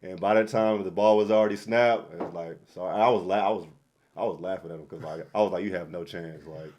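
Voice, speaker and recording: A young man, a former quarterback, telling stories in a relaxed casual interview. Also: deep voice, fast, background noise. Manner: relaxed storytelling with fillers and laughs.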